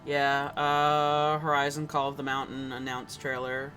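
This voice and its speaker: A man's voice: medium pitch, completely flat delivery, a little slow, pushed and bright, soft background music. A man chatting casually with fellow players on a live stream, thinking aloud in a distracted way as he searches online. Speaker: tabletop game player.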